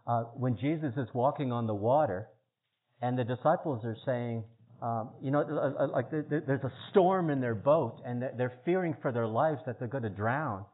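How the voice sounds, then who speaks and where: Over a tinny, phone-like line, a man with a mid-range voice explains a religious argument at a normal speed. His talk is earnest yet casual, and he stresses key words and repeats himself often.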